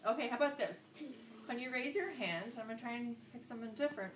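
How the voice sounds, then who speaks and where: An elementary school teacher with a fairly high voice talks quickly as she runs an interactive vocabulary lesson, repeating key words and quizzing the children. The classroom is recorded from a distance, giving a roomy sound with faint background noise.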